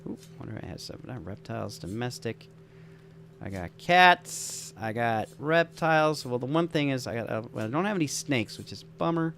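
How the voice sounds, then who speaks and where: A man's voice: medium pitch, lively intonation, normal speed, fairly bright tone, slight background noise. A man casually talking through building a game scenario, thinking aloud with enthusiastic, rambling asides. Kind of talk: casual gameplay commentary.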